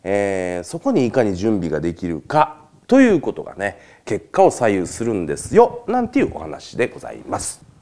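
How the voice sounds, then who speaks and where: Man, low voice, very animated pitch, chatty solo host, laughs between points. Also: moderate pace. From Japan. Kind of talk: casual solo talk monologue.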